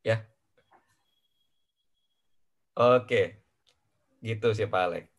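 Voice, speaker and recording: A man coaching a parents' group in a lively question-and-answer session, emphatic and repeating his key phrases, dropping English phrases into his talk. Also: on the low side, drawn-out words.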